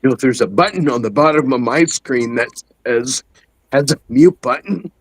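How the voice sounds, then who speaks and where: Laid-back guy in his 50s on a video call, dry sound, ordinary pitch. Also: lively intonation, moderate pace, no echo, poor audio. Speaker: guest. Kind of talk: casual livestream chat.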